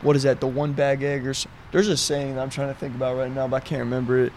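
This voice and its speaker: Casting: man, mid pitch, flat intonation, informal rambling conversational delivery, faint outdoor city noise. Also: fast talker. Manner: informal, loosely structured, peppered with "like", "right" and "you know". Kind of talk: casual faith discussion.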